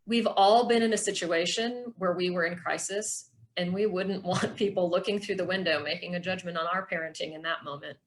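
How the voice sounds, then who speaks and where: In an earnest, measured way, a middle-aged woman explains material during a workshop and shares personal reflections. Her pitch is fairly low and her tone steady.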